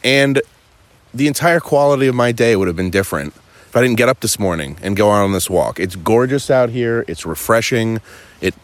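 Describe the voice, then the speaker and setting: A man speaks as a podcast guest and tells cheerful stories. His voice sits a bit low, and the sound is dry and close. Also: expressive, brisk, dry recording. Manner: upbeat, laughing, storytelling. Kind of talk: casual podcast chat. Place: at a home property in California.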